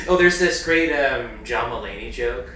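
A man's voice: medium pitch, lively intonation, unhurried, sharp tone, slight background noise. A man co-hosting a casual movie-review podcast, joking and laughing often. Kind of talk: casual chat. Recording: echoey room.

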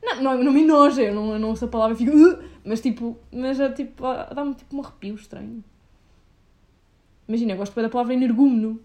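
A young woman with a European Portuguese accent talks very quickly in a slightly high voice. She chats casually and animatedly, with lots of slang and the odd English word. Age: young adult. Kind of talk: casual chat.

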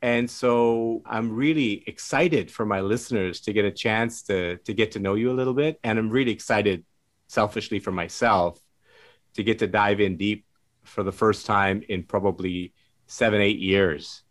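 Male podcast host, low voice, warm and enthusiastic interviewer, repeats words. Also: moderate pace. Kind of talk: interview conversation.

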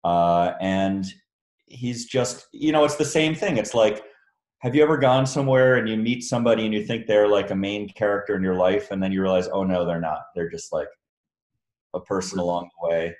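A man, an author, chatting casually with a book club over a video call, relaxed and quick to laugh. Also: lowish voice, reverberant. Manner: relaxed, chatty, laughs easily, many fillers.

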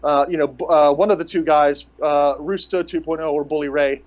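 A man's voice: on the high side, steady tone, brisk. A man co-hosting a casual podcast, rambling and ranting with sarcastic, profane asides. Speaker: podcast co-host. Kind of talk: casual rant about pro wrestling. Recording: dull lo-fi podcast audio.

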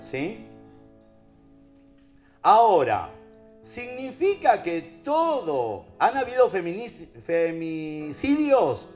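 A man with a Rioplatense accent preaches to listeners, peppering his talk with rhetorical questions. His voice sits a little high and leaps up and down with emphasis. Soft music plays faintly underneath. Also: takes it slowly, pauses often. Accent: Rioplatense Spanish. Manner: animated, rhetorical questions to the audience.

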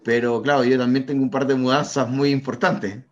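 A man's voice: medium pitch, flat delivery, fairly quick. A young man with a Chilean Spanish accent, co-hosting a podcast in casual banter, joking, swearing and arguing. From born in Brazil, raised in Chile. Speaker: podcast co-host. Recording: dull lo-fi sound.

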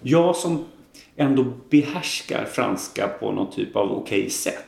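A man from Gothenburg with a softened Gothenburg accent, chatting and explaining at length as a podcast co-host, with lots of fillers. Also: lowish voice, lively intonation, vocal fry, roomy sound. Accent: Gothenburg Swedish, softened. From Gothenburg, Sweden. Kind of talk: casual chat.

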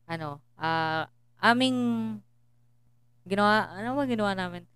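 Joking young man, smooth voice. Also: high voice, expressive, unhurried, sharp tone. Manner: joking, self-deprecating, often searches for words. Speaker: podcast co-host, student. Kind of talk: casual Tagalog podcast chat.

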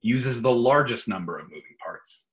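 A man's voice: mid-range voice, lively intonation, normal speed. A man co-hosting a podcast, casually reading brain teasers to a friend in a playful, teasing way. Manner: playful, teasing quizmaster who laughs often. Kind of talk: casual chat.

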